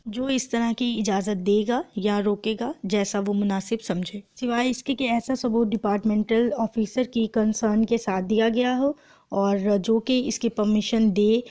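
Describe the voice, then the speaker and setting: A woman's voice: fairly high pitch, steady tone, unhurried, warm tone. A woman with a Pakistani accent giving an explanatory law lecture, methodical and didactic, translating formal text phrase by phrase and restating each point.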